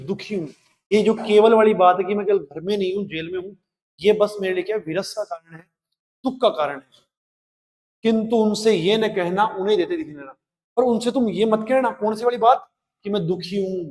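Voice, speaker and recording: High-voiced man teaching a Hindi poem. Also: darkish tone, in a large hall. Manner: recites verse lines then explains them with rhetorical questions. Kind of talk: live class poem explanation.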